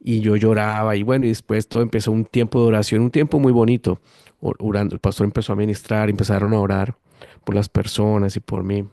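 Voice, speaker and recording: Colombian pastor in his 50s, Bogotá accent, animated testimony, dry close sound. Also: lowish voice, quick pace, no room sound. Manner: lively animated storytelling, acting out quoted voices. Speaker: guest pastor. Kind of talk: storytelling testimony.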